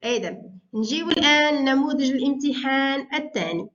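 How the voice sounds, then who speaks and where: A woman with an Algerian accent, tutoring through an exam: she rushes explanations in dialect and reads the answers slowly and carefully. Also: high voice, lively intonation, fairly bright tone, dull audio. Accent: Algerian Arabic. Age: adult parent. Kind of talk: exam walkthrough lesson.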